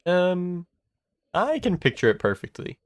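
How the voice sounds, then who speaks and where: This young man's high voice swoops wildly in pitch and moves a little slowly as he streams a game and chats casually. A cold leaves him congested, and his rambling is packed with fillers, restarts and casual swearing.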